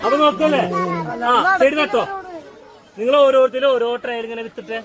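A man's voice: extremely high pitch, fairly even intonation, fairly quick. A man working as a farm guide, giving a playful outdoor class to schoolchildren and quizzing them with questions, raising his voice to be heard. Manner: raises voice to be heard over the children. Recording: loud crowd of children and outdoor noise. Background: loud chatter of many children outdoors.

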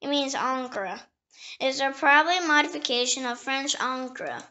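A woman reading dictionary entries aloud slowly and carefully, spelling each word letter by letter and sometimes stumbling and restarting a word. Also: high voice, bright, forceful tone, dull audio. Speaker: dictionary reader.

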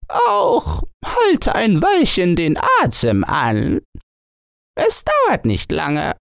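A man voicing a small, grateful and kind sea turtle in a storybook, speaking in a high, slow and formal singsong. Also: wildly swooping pitch, vocal fry, dry recording, studio quality, heavily acted. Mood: gentle.

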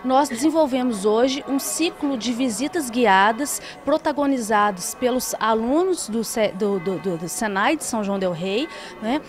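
A woman's voice: fairly high pitch, animated, normal speed. Woman, 30s, organizer interview, stumbling delivery, handheld mic, faint music under. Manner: hesitant, many restarts and fillers. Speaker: event organizer. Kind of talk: on-camera interview. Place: indoor event hall. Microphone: handheld reporter mic.

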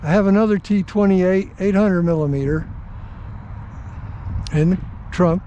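A man's voice: high voice, warm tone, a little hiss or hum. Older man muttering while flying outdoors. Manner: offhand, halting, self-deprecating. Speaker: RC hobby pilot. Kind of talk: casual commentary while flying. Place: outdoors on a windy day.

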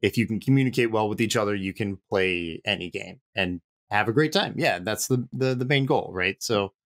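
A man's voice: on the low side, normal speed. Laid-back male guest who laughs easily. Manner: relaxed, laughs often, many fillers. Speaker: panel guest, game master. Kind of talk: casual panel chat.

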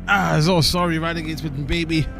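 A young man giving casual, excitable gaming commentary, swearing and laughing often as he plays. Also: on the high side, a little fast, gravelly, music in the background. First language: German. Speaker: let's play gamer.

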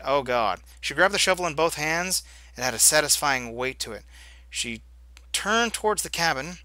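A gameplay host reading a story game aloud, reacting loudly and swearing at his choices. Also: medium pitch, no echo.

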